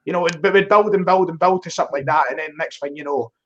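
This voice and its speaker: A man's voice: a little high, fast talker, a bit bright, dull audio. A man with a broad Glaswegian Scottish accent in a casual, rambling football discussion, often repeating words as he starts. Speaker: football fan guest on a live stream.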